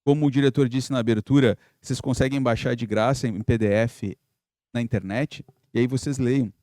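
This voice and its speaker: A man's voice: medium pitch, fairly even intonation, normal speed, dark tone, no room sound, clean studio sound. A man giving an earnest, reflective spiritist lecture, posing rhetorical questions to his audience. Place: spiritist center lecture hall.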